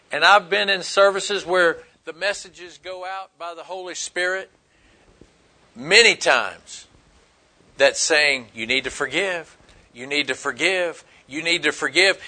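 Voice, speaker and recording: A man preaching a folksy, emphatic sermon, swinging between loud outbursts and quiet asides. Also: high voice.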